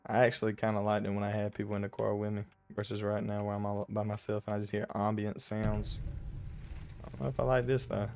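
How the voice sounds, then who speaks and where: A young man giving casual, jokey commentary while playing a horror driving game, slangy and quick to yelp when startled. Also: lowish voice, flat delivery, creaky, a little mellow, slight background noise. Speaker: gaming YouTuber.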